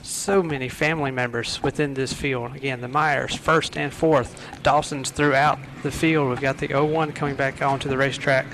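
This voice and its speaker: A man's voice: mid-range voice, fairly even intonation, normal speed, few pauses, low-quality recording. An American man giving live commentary on a stock car race. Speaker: motorsport commentator. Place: outdoor speedway broadcast. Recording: loud outdoor racetrack engine noise. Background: race cars and outdoor ambience.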